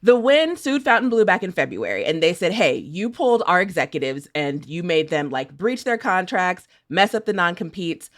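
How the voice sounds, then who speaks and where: A woman on a podcast tells stories casually in slang, theatrically acting out paraphrased versions of what other people said. Her voice sits lowish but swings widely in pitch, moving at a normal speed with few pauses.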